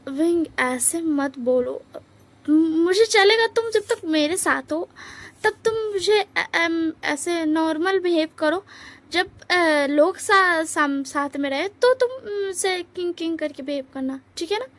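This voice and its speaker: A carefree young nobleman, breezy and coaxing, brushing off every worry in a storybook telling, as a woman narrator plays him. The voice is high and light. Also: expressive, takes it slowly, a bit bright, heavily acted.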